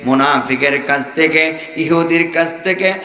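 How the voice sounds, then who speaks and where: Man preaching, high bright voice, slow chanting delivery, echoey hall from far off. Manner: chanting sermon, swings from shouts to low singsong. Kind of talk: sermon to a crowd.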